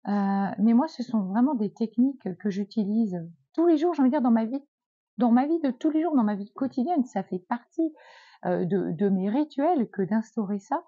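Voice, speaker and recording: A woman giving a gentle, encouraging self-help talk as a wellness coach, with many hesitant fillers. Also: a little high, animated, moderate pace, no echo, highs cut off.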